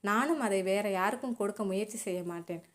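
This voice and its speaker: A woman narrator voicing a young woman in love, tearful but gently resolute, in a soft, emotional voice pitched slightly higher than her narration. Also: brisk, close to an everyday voice. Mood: tender, tearful.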